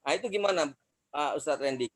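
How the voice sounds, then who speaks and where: A man's voice: fairly high pitch, lively intonation, fast talker, fairly bright tone, dry recording. A man in his forties asking a pleading question on a video call, his glitching audio cutting in and out. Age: 40s. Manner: pleading, repeats "ya kan" and "gitu kan". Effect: glitching audio that keeps cutting out. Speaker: webinar participant asking a question.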